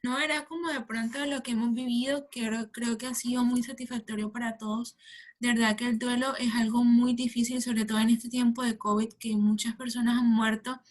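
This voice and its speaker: A woman in a youth group offering a gentle, casual reflection after a talk. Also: on the high side, flat delivery, fairly quick. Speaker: youth group member commenting.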